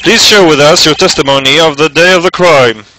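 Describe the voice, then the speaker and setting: A man voicing a stern judge who gives brisk, formal directions. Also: a little high, sharp tone, slight background noise, poor audio. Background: game music.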